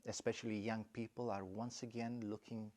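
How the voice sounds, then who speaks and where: With a fairly low, level, slightly mellow voice, a middle-aged man from Romania responds to interview questions. He is a college principal, and he speaks in a considered, halting manner, restarting often and filling pauses.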